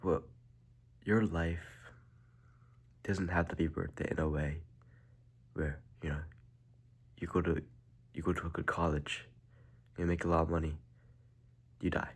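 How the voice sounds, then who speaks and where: Congested teenage boy, gravelly and husky. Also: sits low, fairly even intonation. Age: teens. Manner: halting, soft-spoken, drifts into a whisper. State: congested from a cold. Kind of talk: casual video monologue.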